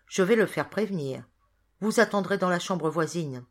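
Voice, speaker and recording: A curious young male hospital doctor-in-training fires brisk, blunt questions in a lively, rising voice, as a woman reads him in an audiobook. He sounds pitched a little low for a woman but moves freely up and down. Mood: probing.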